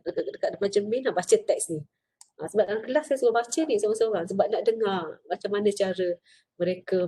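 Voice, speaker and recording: Malaysian woman lecturing, mellow voice. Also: medium pitch, husky. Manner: explains step by step, many fillers and "okey". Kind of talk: recorded lecture.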